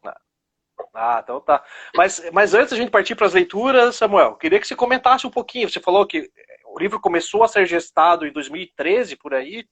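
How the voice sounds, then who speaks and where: A man's voice: high voice, big pitch swings, brisk, a bit bright, husky. A man interviewing an author over a video call, friendly and often repeating words and restarting sentences. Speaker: interviewer at a book launch.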